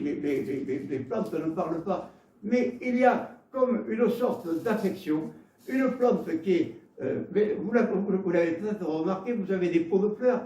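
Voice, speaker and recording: A man's voice: high-pitched, distant mic. Gascon-accented man preaching in an echoey hall. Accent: Gascon French. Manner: halting, repeats words, warm storytelling asides. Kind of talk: sermon. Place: church hall.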